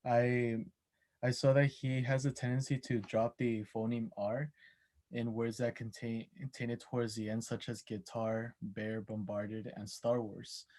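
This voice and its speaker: A man's voice: medium pitch, flat delivery, a little slow, darkish tone. Hesitant young man giving a class talk. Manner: hesitant, many ums and restarts. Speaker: student presenter. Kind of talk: class oral presentation.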